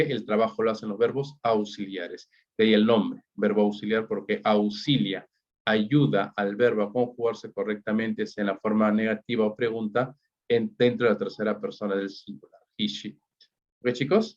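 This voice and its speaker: A man with a Peruvian Spanish accent teaching an English grammar lesson, who keeps checking in with "ok?" and says the English examples slowly. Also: lowish voice. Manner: checks in constantly with "¿ok?" and "¿no?". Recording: dull lo-fi recording.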